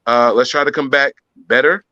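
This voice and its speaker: A man's voice: mid-range voice, steady tone, sharp tone. Laid-back man on a dull lo-fi line. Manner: laid-back, teasing, drawn-out delivery. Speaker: podcast co-host. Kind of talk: casual live podcast chat. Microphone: phone.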